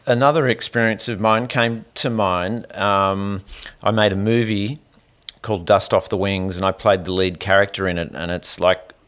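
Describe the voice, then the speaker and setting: A man hosting a podcast interview, telling a story in an animated, rambling way with restarts and trailing asides. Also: fairly low pitch, moderate pace. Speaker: podcast host. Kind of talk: conversational interview.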